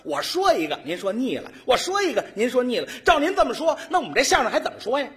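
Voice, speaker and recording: A male crosstalk comedian with a very high voice that swings widely in pitch. He rattles off his lines in a quick, rhythmic way and pushes back with rising retorts. He performs on stage for a live audience. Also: very animated, fairly bright tone. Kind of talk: comic crosstalk dialogue on stage.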